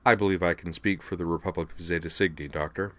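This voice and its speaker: A man voicing a laconic starship captain who speaks dryly and flatly. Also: low-pitched, fast talker. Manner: dry, flat.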